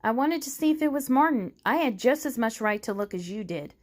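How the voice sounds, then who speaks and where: A woman's voice: fairly high pitch, lively intonation, brisk, close to an everyday voice. A woman reading a timid young girl. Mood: earnest. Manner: timid, trembling.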